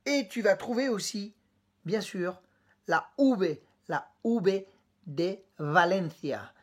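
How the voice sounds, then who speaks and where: A woman teacher giving a pronunciation lesson, patiently explaining and repeating sounds slowly while speaking directly to the student. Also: medium pitch, breathy edge. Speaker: Spanish teacher.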